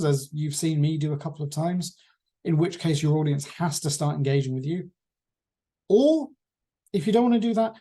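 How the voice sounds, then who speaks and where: A presentation coach giving an online training talk over a video call, speaking in a lively, emphatic way and stretching or rushing words for effect. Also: medium pitch, husky.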